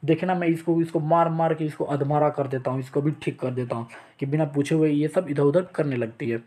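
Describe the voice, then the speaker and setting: A male teacher from India, explaining a chapter and reading its text, slow and halting, with restarts. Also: a little high, steady tone, a little mellow. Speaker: English teacher. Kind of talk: chapter explanation mixing Hindi and English.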